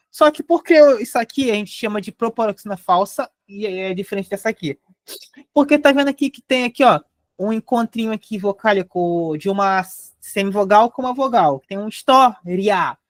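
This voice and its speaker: Woman, Brazilian accent, online teacher, step-by-step explaining, mid pitch, dry close sound. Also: no echo. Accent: Brazilian Portuguese. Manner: explains step by step, often says "ó", spells out syllables slowly. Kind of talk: live online grammar lesson.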